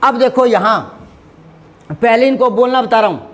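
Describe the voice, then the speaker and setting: A man's voice: very high-pitched, normal speed, fairly bright tone. A middle-aged man giving a Hindi grammar lesson. He is patient, repeats and stretches sounds to show how they are spoken, and often checks whether students follow. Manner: patient, repeats and drags out sounds to demonstrate pronunciation; asks rhetorical check-in questions. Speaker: Hindi teacher. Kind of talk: classroom-style grammar lesson.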